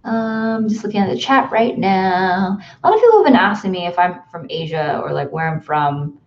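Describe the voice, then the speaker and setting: A woman's voice: medium pitch, lively intonation, moderate pace, lo-fi sound, a little hiss or hum. A young woman from the United States chatting casually on a livestream from her bedroom, rambling with lots of ums and likes. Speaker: YouTuber hosting a livestream. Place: bedroom at home.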